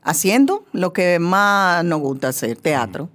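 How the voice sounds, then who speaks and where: Lady from a theater, kinda low voice, chatty on a radio show. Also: very animated, measured pace, a bit bright. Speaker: theater director. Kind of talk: casual chat. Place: radio studio.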